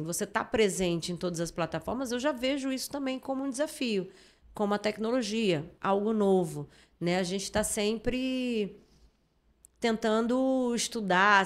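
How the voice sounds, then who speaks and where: A woman journalist with a Brazilian Portuguese accent, explaining her views in a casual interview and often checking in with the listener. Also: medium pitch. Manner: explanatory, lots of filler tags and restarts. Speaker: journalist guest.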